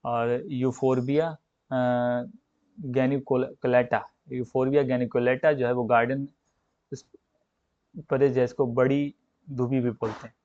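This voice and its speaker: A man's voice: mid-range voice, level tone, takes it slowly, long pauses, a little mellow, dry recording. A man teaching an agriculture exam lesson who stumbles and restarts on long scientific plant names, repeats the key terms and keeps checking in with his students. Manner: checks in with "theek hai na" after each point. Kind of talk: exam coaching lecture. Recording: dull, muffled lo-fi sound.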